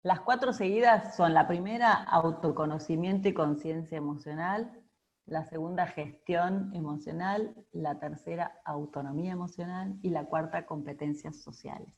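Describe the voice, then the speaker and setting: A woman's voice: low voice, moderate pace. A woman with an Argentine accent giving a conversational online talk, with many fillers and tag questions, over a video call. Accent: Argentine Spanish. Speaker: speaker on emotional intelligence.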